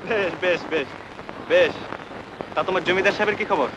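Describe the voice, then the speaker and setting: A man's voice: high voice, fairly quick, natural voice, low-quality recording. A man playing a carefree, teasing young man. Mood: breezy. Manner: light, teasing and offhand.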